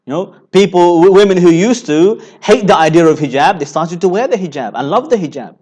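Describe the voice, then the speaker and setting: A man giving a religious lecture, building rhetorical points and filling pauses with "you know" as he repeats phrases. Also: high voice, lively intonation, a little mellow. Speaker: Islamic preacher.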